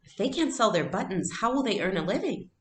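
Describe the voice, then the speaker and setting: A woman reader puts on an earnest young schoolgirl from a storybook. The girl sounds curious and anxious, her voice lifted higher and lively, in a roomy recording. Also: brisk, close to an everyday voice. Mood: worried questioning.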